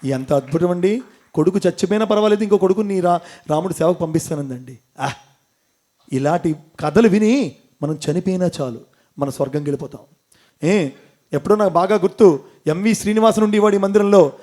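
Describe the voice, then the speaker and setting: Male devotional storyteller, Telugu accent, high voice, quizzes the crowd and acts out the characters. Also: brisk, pauses often, warm tone. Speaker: spiritual storyteller and motivational speaker. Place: temple hall with audience.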